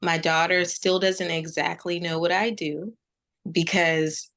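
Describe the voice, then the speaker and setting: A woman in her forties, a meditation teacher appearing as an interview guest, tells her story conversationally, pausing in a reflective, halting way. Her voice is lowish and a little bright, with fairly even intonation.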